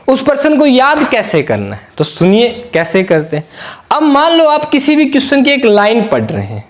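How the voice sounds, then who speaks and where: A male science teacher talking to his pupils, with a voice that rises and falls a lot. he drills each term by saying it slowly over and over, and keeps stopping to check that the class is following. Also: high-pitched. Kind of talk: classroom-style video lesson.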